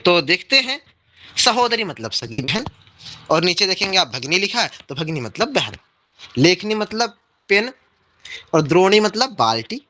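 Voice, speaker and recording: A man leads an online language class, drawing out each word slowly in careful recitation drills. His voice is bright and forceful and sits a little high, with a lively, rising-and-falling pitch. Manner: recites word pairs slowly and carefully, then explains meanings. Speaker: Sanskrit teacher.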